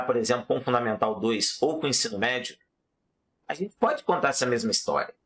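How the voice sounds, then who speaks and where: A man leads a live chess class, speaking at a mid pitch. He narrates a story in an animated way and then turns to his listeners with direct teaching tips.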